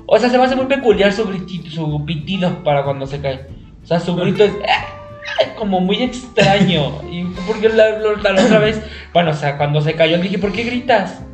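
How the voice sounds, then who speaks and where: Male podcast co-host, very high voice, rambling storyteller, faint music behind. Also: expressive, moderate pace, roomy sound. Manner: chatty, with many fillers and restarts. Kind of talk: casual chat.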